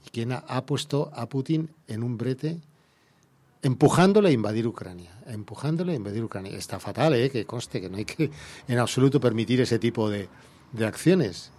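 A man's voice: mid-range voice, animated, moderate pace, darkish tone. A man with an Andalusian Spanish accent, an environmental activist guest in a radio interview, talking heatedly and firing off rhetorical questions.

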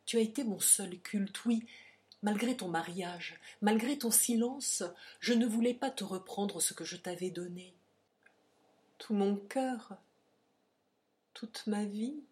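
A woman reader voicing a young man in love, speaking in a low, mournful, halting way. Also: darkish tone, natural voice. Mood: despairing. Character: anguished young man, jealous lover.

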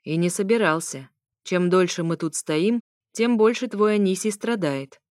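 A woman's voice: on the low side, normal speed, darkish tone, dry recording, clean studio sound, lightly acted. A woman voicing a smug, sarcastic ex-husband who talks sternly. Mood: mocking. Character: smug, mocking male ex-husband.

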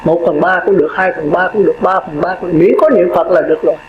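An older monk preaches in a high, folksy voice. He chats, laughs and quizzes his listeners. The recording is dull and echoey, with steady noise underneath. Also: fast. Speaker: Buddhist monk teacher. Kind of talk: dharma talk sermon.

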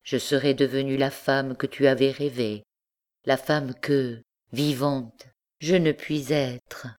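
A woman reading the lines of a devoted young wife who speaks softly and coaxingly to her husband, at a slow pace. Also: rumbling low, steady tone. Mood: tender. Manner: tender, soft and coaxing.

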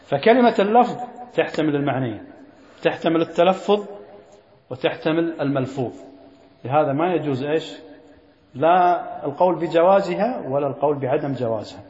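A man's voice: a little high, animated, a little fast, a little mellow. A man teaching a creed lesson, quizzing his students and repeating key phrases. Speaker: sheikh teaching a creed text. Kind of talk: classroom lesson. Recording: echoey lo-fi hall recording.

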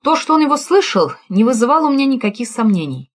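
A woman narrating a first-person detective novel in an even, measured reading. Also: on the high side. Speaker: audiobook reader. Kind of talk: scripted narration.

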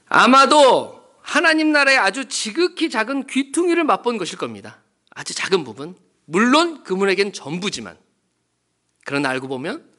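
Lively, bright-voiced male preacher. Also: sits high. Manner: animated storytelling with rhetorical questions to the congregation. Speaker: pastor. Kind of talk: sermon at a Wednesday prayer meeting. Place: church.

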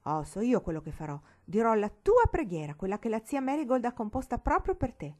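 Una donna che legge dà voce a una bambina prepotente e sfacciata, con tono canzonatorio e saccente. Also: female voice, on the high side, very animated, a little fast, darkish tone, pitched above the performer's own voice. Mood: bossy. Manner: teasing, self-important. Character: bossy cheeky little girl. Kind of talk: audiobook reading.

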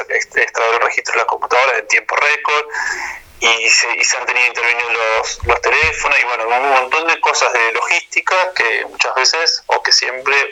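A man's voice: mid-range voice, sharp tone, poor audio. A man calling in by phone to a radio show, explaining at length with frequent restarts. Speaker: guest on the phone, social movement spokesman. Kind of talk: phone interview. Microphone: telephone.

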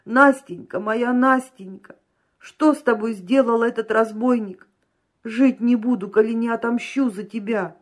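A woman reading an audiobook, voicing an excitable, impatient merchant man who exclaims loudly. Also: mid-range voice, unhurried, husky. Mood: tearful. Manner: loud exclamations, raised voice.

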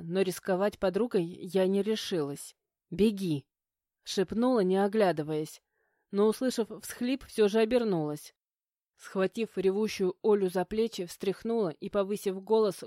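A woman's voice: mid-range voice, dark tone, no echo. A young woman reading a first-person audiobook with emotional, dramatic narration on a close mic.

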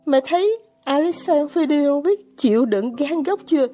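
A woman's voice: sits high, expressive, moderate pace, warm tone, voice pushed up. A woman playing a hysterical, gushing society mother. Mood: soothing fussy. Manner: gushing, melodramatic exclamations. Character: fretful, hysterical aristocratic mother, middle-aged. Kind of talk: audiobook character voice.

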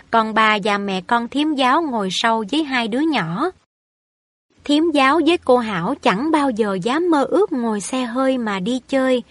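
Woman audiobook narrator, steady storytelling, fairly high voice, dry close recording. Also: no room sound. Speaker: audiobook reader. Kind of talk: scripted narration of a novel.

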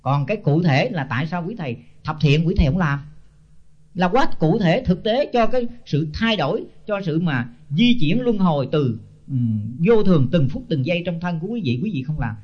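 Older man, Buddhist monk, blunt scolding sermon, high-pitched voice, muffled old tape. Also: expressive, moderate pace. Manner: blunt and scolding, with rhetorical questions and chuckles. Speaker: senior Buddhist monk teaching disciples. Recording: dull lo-fi tape.

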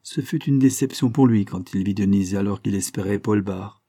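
A man reading a novel aloud with steady, measured narration. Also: on the low side, slightly rough, dry recording, studio quality.

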